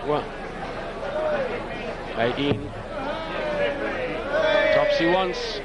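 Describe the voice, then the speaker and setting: A man commentates on live darts in a theatrical, colourful manner. His voice sits high, and a very loud, noisy crowd surges behind him. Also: wildly swooping pitch, extremely slow, lo-fi sound. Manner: colourful, theatrical turns of phrase.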